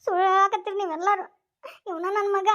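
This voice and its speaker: Someone voicing a sobbing village mother, very high. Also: fairly even intonation, fast, pushed and bright, lo-fi sound. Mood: distraught. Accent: North Karnataka Kannada. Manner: high-pitched, sobbing and pleading. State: crying. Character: grieving middle-aged village mother, distraught.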